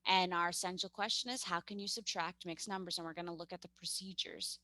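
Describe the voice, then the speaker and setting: Young new york teacher lady on a video call, upbeat and chatty, super bright voice. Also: fairly low pitch, steady tone, fast talker, no echo. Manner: upbeat, chatty, self-correcting. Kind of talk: online math lesson.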